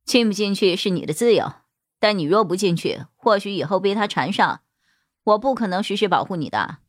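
A woman storyteller voicing a male shop boss who talks in a lowered, coaxing, soothing way. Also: lively intonation, fairly quick, no room sound, clean studio sound, close to an everyday voice. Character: gruff flustered male shop boss, gentle underneath.

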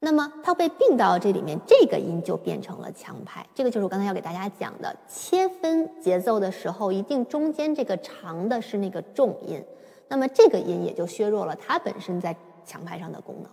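A woman giving a patient, step-by-step piano lesson, explaining slowly with occasional fillers. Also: mid-range voice, sing-song, creaky, warm tone. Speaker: piano teacher. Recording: long reverb with piano. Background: piano played at times.

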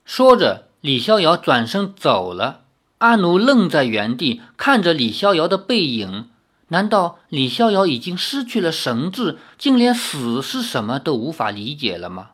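A storyteller reading a novel aloud, expressive, dropping low and soft on the sad passages. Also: a little slow, husky. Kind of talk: read-aloud novel narration.

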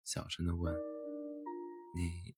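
A man narrating a bedtime storybook in a calm, steady reading voice. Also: low-pitched, measured pace. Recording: music playing behind.

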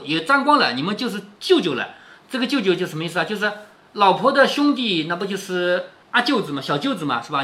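Here the voice sits high and sounds pushed and bright. The man is reading a classic novel out loud and chatting about it, often turning to the listener with "right?" as a commentator on the book.

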